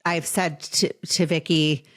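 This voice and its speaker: A woman's voice: sits low, fairly even intonation. A woman in her late twenties hosting a podcast interview, speaking earnestly and affectionately to her guest. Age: late 20s. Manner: earnest and affectionate, slow in emotional moments. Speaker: podcast host.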